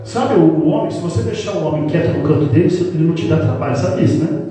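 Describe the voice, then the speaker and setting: Speaking quickly in a slightly high voice, this pastor gives a lighthearted sermon in a church hall, poking fun at his congregation and acting out scenes from family life. The sound is reverberant from a far-off microphone, and music runs underneath.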